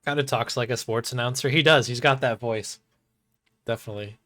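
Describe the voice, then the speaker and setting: A man's voice: medium pitch, steady tone, brisk, fairly bright tone, no room sound, clean studio sound. A man streaming a video game, making joking, rambling asides. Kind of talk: casual let's-play commentary. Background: faint game music.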